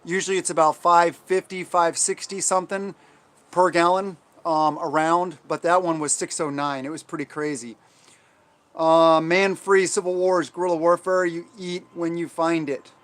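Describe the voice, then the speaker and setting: An American man hosting a casual livestream, answering viewer comments in a halting, rambling way, often trailing off and restating himself. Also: fairly high pitch, steady tone, a bit bright. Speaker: livestream host.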